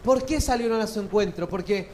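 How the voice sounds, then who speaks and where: A man's voice: sits high, brisk, darkish tone, a little hiss or hum, low-quality recording. A male pastor, preaching a sermon and often asking the congregation questions. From Chile. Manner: asks the congregation frequent questions.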